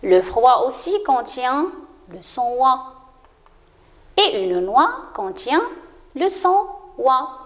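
Woman teacher, very slow and clear, high lively voice, encouraging, reverberant classroom. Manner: slow, clear, encouraging, praising pupils often. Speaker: primary school teacher. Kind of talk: reading lesson for young children.

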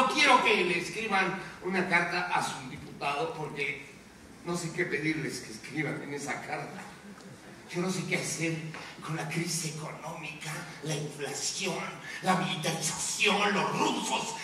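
Stage drama: an aging newsman in a ranting fury, high bright voice, distant and echoey in a big theater. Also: expressive, unhurried, few pauses, a little hiss or hum, exaggerated voice. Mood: rising anger. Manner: impassioned ranting monologue, exhorting the audience. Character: veteran male TV news anchor, furious ranting prophet. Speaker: stage actor. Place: large theater stage, live performance.

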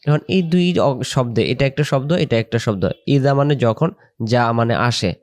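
A man teaching Quran pronunciation, explaining patiently and repeating syllables with drawn-out recitation. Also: medium pitch, darkish tone.

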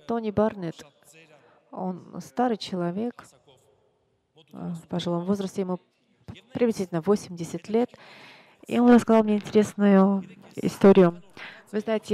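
A man preaching a sermon, telling stories in an earnest, halting way with frequent restarts. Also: high-pitched, dark tone. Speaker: pastor. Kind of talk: sermon storytelling.

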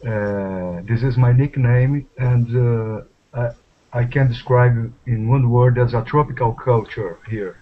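A man's voice: mid-range voice, fairly even intonation, measured pace. A man from Brazil speaking hesitant English in short replies. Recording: muffled call audio.

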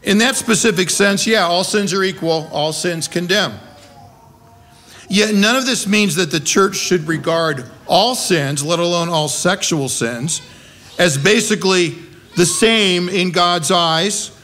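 A bit slow, high-sitting, and slightly bright, this American preacher of middle age or older gives an emphatic yet conversational sermon laced with rhetorical questions. He's at the pulpit of a small wooden-walled church with a gooseneck mic.

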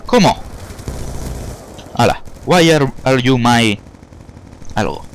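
A man's voice: medium pitch, expressive, slow, slight background noise. A young man giving casual commentary over his own gameplay, chatty, cursing at opponents and talking to his viewers. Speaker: gaming YouTuber.

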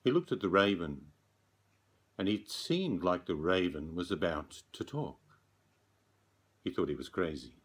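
A middle-aged man narrating a bedtime story gravely and dramatically, with long pauses. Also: sits low, big pitch swings. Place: small dark room, candlelit, indoors.

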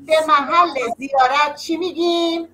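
A woman teacher leading an online class for young children, slow and patient, drawing words out and praising often, heard over a video call. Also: high-pitched, steady tone, sharp tone, rough recording. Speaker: primary school teacher.

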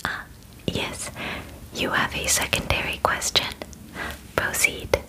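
A small bedroom is the backdrop for this ASMR roleplay, in which a woman in her twenties whispers softly as a polite, formal alien medical examiner. She sounds breathy and gentle, choosing formal words and pausing briefly in a halting, measured rhythm. The audio is poor.

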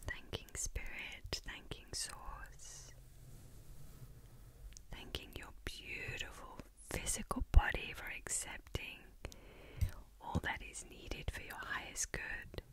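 A middle-aged woman whispering softly and breathily into a close microphone, giving a soothing, mystical fortune-teller style ASMR tarot reading with long pauses. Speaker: ASMR tarot reader and energy healer. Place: indoors, close in front of a hanging tapestry. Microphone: desktop condenser microphone, very close.

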